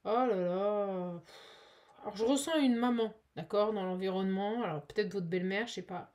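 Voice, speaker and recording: A woman giving a casual, chatty tarot card reading, animated and full of fillers. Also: mid-range voice, fast talker.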